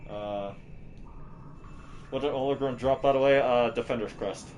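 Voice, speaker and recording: A man's voice: mid-range voice, moderate pace, a little mellow, highs cut off, faint music behind. A man livestreaming a game and chatting casually with his viewers. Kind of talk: casual gaming livestream chat.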